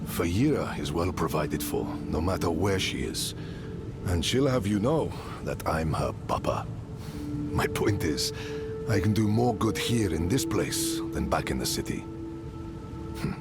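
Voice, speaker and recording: An actor plays a wry, fatherly middle-aged mercenary leader and smith in a video game, sounding friendly. His low voice has lively intonation and an unhurried pace, with game soundtrack music playing behind.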